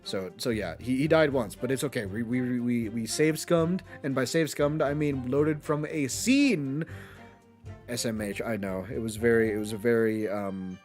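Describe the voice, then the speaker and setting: A man's voice: mid-range voice, moderate pace, darkish tone, faint music behind. A man streaming a game with casual, slangy and sarcastic commentary.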